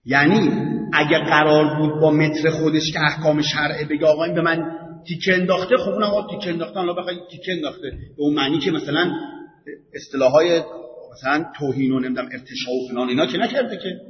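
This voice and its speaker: A man with a fairly high voice gives a conversational religious talk, telling a story and stopping to ask rhetorical questions. He is heard from across a large hall with a long echo. The sound is dull and muffled. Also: fairly even intonation, slight background noise. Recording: echoey hall from far off, dull.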